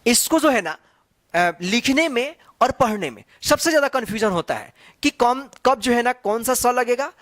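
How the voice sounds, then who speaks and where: A man's voice: very high voice, expressive, moderate pace, fairly bright tone, dry recording. A man teaching the Hindi alphabet, asking question after question and repeating each sound to demonstrate it. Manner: repetitive, quizzing. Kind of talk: slow classroom explanation.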